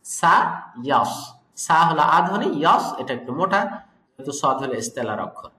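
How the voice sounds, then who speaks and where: Man teaching Quran recitation, bright, somewhat high voice, patient syllable-by-syllable demos, echoey room. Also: very animated. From Bangladesh. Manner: corrective, repeats and draws out syllables slowly. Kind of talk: tajweed lesson with recitation demos.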